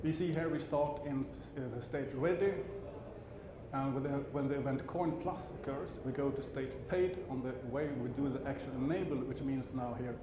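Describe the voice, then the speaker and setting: Crowd noise and a hum fill the roomy acoustics of a large conference hall as a Swedish-accented man in middle age delivers a technical talk from the stage. His mid-range voice keeps a moderate pace, and he regularly backtracks to fix his wording, adding the odd dry remark.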